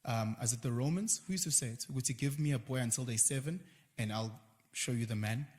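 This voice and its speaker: A South African man talks animatedly as a guest, dipping into quick quoted voices as he makes his points. His voice sits at an ordinary pitch. A long reverberant tail hangs on every word. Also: a little mellow. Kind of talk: casual conversation.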